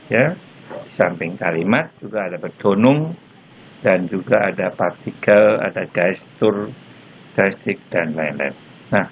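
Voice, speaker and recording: A male university lecturer explaining patiently and slowly, tagging his points with "ya", recorded as a lecture on a phone or laptop mic. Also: fairly low pitch. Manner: slow, patient explaining with frequent "ya" tags. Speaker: German lecturer. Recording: lo-fi phone-like recording with faint noise.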